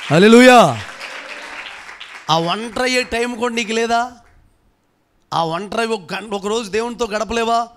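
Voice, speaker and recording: A man preaching with a high, ringing voice. He works himself up to loud, urgent repeated cries, then drops back to a low, pressing tone to drive his point home. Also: moderate pace, some chatter behind. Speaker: pastor. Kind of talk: sermon.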